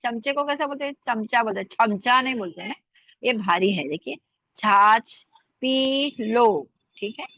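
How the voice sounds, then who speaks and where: A woman teaching an online language class, slowly repeating words and sounds for her students. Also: on the high side, a bit bright, dry recording. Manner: slow careful drilling of sounds, repeating words. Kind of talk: spoken language lesson. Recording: dull lo-fi sound.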